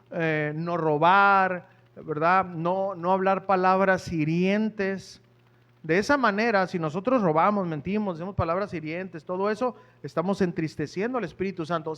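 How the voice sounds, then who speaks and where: A man's voice: sits high, a bit bright. A man preaching a sermon in church, talking conversationally and asking the congregation questions.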